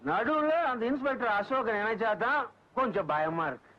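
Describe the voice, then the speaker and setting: A man's voice: very high voice, sing-song, moderate pace, dull audio. A man playing a sly, crafty henchman from an old film soundtrack.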